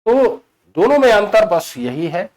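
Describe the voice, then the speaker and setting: A man teaching English grammar in a classroom-style video lesson. He mixes Hindi with English terms, stresses key words and slows right down for example sentences. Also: sits high, big pitch swings, darkish tone. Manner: explains in Hindi mixed with English terms, asks "ठीक है?" often.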